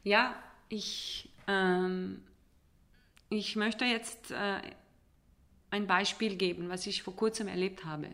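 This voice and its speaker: As a reflective interview guest, a woman from Israel speaks non-native German, haltingly and often searching for words. Her mid-range voice sounds steady and fairly bright.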